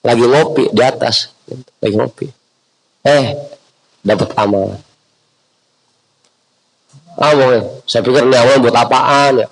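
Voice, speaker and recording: A man's voice: medium pitch, steady tone, unhurried, vocal fry, long pauses, rough recording. A man preaching informally to a prayer gathering, joking with listeners and spelling out Arabic letters. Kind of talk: informal religious study sermon.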